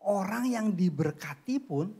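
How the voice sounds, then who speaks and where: Lively Indonesian-preaching man, swinging highs and lows. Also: unhurried, vocal fry, husky. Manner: casual street slang storytelling, big swings between low murmurs and high exclamations. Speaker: pastor. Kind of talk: sermon. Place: church.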